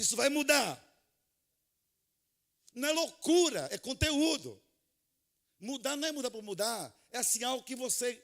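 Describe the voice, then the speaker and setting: Animated preacher man swinging soft to loud. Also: extremely high pitch. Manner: animated, humorous, plays out little scenes. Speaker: pastor. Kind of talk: sermon to a pastors' conference. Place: large conference hall.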